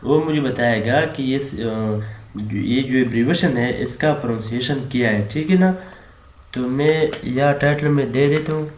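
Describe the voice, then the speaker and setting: A programming tutor with a Pakistani Urdu accent teaches a screen-recorded coding lesson, explaining steadily and often checking in with "theek hai na." His mid-range voice is darkish and measured. The room is echoey with faint hiss, and keyboard typing and mouse clicks are audible.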